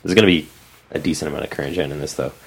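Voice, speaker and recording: A man's voice: very deep voice, steady tone, rapid-fire, vocal fry, slightly rough. A man talking casually as a podcast host and quizmaster, bantering loosely with friends.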